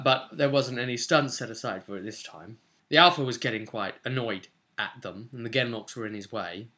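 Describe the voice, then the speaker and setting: Seated at his desk in a small home room, a young British vlogger recounts a session he ran as game master. His medium-pitched voice is bright and forceful, and he tells the story casually and emphatically, gesturing as he chats to camera.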